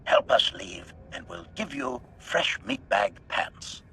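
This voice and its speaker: An actor voicing a smooth-talking male combat android, cold and condescending, with precise machine diction, in game audio with music behind. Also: fairly low pitch, very animated, slow, a bit bright, slight background noise, full character voice. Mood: cold, mocking. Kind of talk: video game character dialogue.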